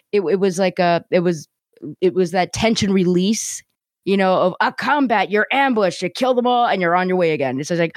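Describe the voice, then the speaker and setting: A woman's voice: lowish voice, a little mellow, no room sound, studio quality. A woman co-hosting a podcast in casual chat, rambling with lots of "the thing is, like.". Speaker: podcast co-host.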